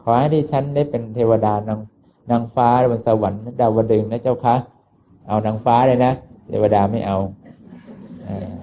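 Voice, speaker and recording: A man, a Buddhist monk, telling a moral tale in an unhurried sermon with frequent filler sounds. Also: mid-range voice, warm tone, a little hiss or hum. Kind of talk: storytelling sermon.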